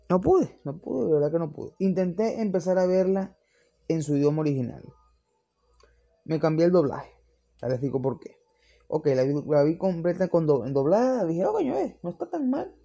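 A man's voice: a little high, mellow. A young man, reviewing series in casual, opinionated chat that rambles and restarts often.

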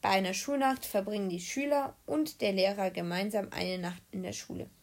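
A woman's voice: mid-range voice, normal speed, gravelly, close to an everyday voice. A woman reading a weary, firm male teacher. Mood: explaining. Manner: firm, sighing refusals. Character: kindly but exasperated male schoolteacher.

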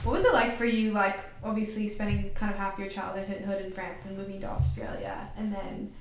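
A woman's voice: medium pitch, fairly even intonation, fairly quick. Woman interviewer in echoey, slightly noisy room. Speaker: podcast host. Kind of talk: casual interviewing. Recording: echoey room with background noise.

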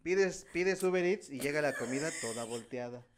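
A man with a Mexican Spanish accent, chatting casually and telling stories with slang and animated asides. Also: fairly high pitch, moderate pace, a crowd in the background. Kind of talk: casual podcast chat.

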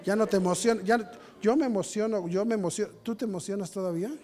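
A man preaching a sermon as a pastor, telling stories, acting out what people said and building to loud peaks. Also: high voice, fast. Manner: storytelling, acts out quotes, rises to shouting peaks.

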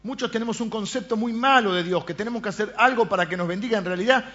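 A man preaching a sermon, asking rhetorical questions and often dropping to a quiet aside. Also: high voice, quick pace, lo-fi sound, faint music behind.

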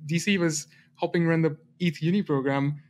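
A man's voice: a little high, steady tone, moderate pace. Man guest with stumbling starts. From India. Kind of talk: casual podcast interview.

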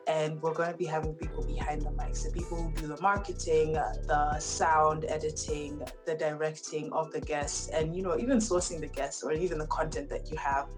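Casting: female host, deep register, casual podcast delivery, faint music behind. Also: flat delivery, normal speed, hardly any pauses.

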